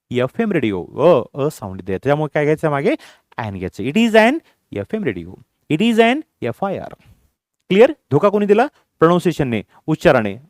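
A man's voice: a little high, a little mellow, dry recording, clean studio sound. A man teaching English grammar, drilling his students with repeated questions and answers and mixing English phrases into his explanations. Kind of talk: classroom grammar lesson.

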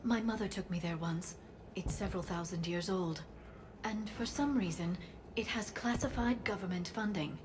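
A woman's voice: medium pitch, noisy background, lightly acted. A woman voicing an earnest alien scientist. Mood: explaining. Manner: earnest, measured. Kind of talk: video game voice acting.

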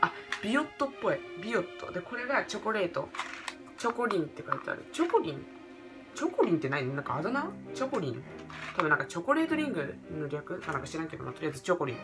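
早口で抑揚豊かな西日本なまりの若い女性. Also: female voice, lowish voice, racing. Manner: rambling, excitable, jokey. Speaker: vlogger. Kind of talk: casual solo vlog chat. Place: hotel room at night, indoors. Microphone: camera in front under bright lights. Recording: background music under voice.

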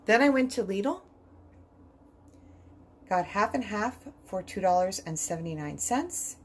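A woman narrating a budget grocery vlog in voice-over, calmly listing each item and its price. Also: mid-range voice, measured pace, slight background noise. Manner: calm, list-like item-by-item rundown of prices.

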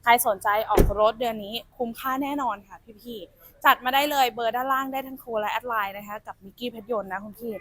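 A young woman walks viewers around a used car with chatty, familiar sales talk. Her voice sits a little high. She sounds as if she is outdoors on a car lot. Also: quick pace, noisy background. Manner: chatty, addresses viewers as elder sibling. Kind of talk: sales walkaround presentation.

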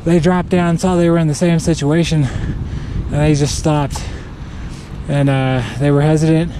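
Alone in a snowy mountain forest, a backcountry skier films himself and thinks aloud to the camera, hesitant and self-critical with occasional nervous laughs. His fairly high voice shows little pitch movement at a normal speed, and wind and camera noise come through.

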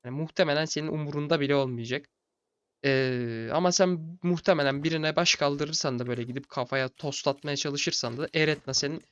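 A young man giving casual, low-key commentary on a strategy game late at night, sounding tired and chatting to the game's characters like buddies. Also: a little fast, a bit bright, clear, resonant tone, no room sound, highs cut off. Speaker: gaming channel host.

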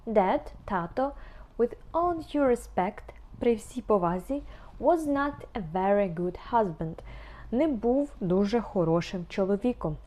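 A young woman teaching English phrases, explaining slowly and carefully, often repeating examples with small hesitations. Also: medium pitch, animated, dark tone.

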